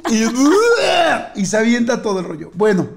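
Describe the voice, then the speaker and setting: A podcast host with a Mexican Spanish accent recounts a family story in a relaxed chat, performing the characters' voices with shouting and laughter. His voice is high and his delivery brisk.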